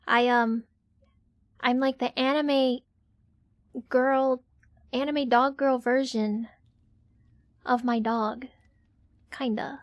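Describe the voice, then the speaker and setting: A woman's voice: sits high, fairly even intonation, slow pace, long pauses, dry recording, studio quality. A woman livestreamer chatting casually in a cute anime-streamer manner. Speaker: streamer, VTuber host. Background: faint music.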